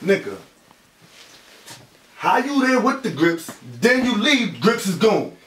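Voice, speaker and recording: A high-pitched New York man acts out a heated street confrontation. He is loud and combative. The sound is roomy and distant from the mic. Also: very animated, slow pace, slight background noise. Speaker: lead actor in web series. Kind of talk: improvised street drama acting. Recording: echoey room, off-mic.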